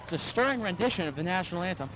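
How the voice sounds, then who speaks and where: A man announcing a high school football game from the press booth, chatty and upbeat, a little out of breath. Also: animated, very fast, background noise. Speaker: play-by-play announcer. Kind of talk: local sports broadcast commentary.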